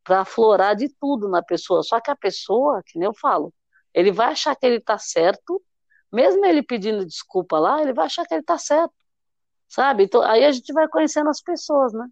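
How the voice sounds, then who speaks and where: Chatty woman podcast host retelling scenes, slightly high voice, dry close mic, muffled sound. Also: lively intonation, a little fast, a little mellow, no echo. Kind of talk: casual chat.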